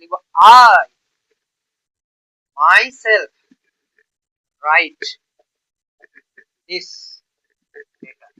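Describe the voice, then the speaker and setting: Bright-voiced male Bengali grammar teacher. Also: high-pitched, normal speed, long pauses, rough recording. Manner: explains step by step, repeats words, checks in often. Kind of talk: grammar lesson.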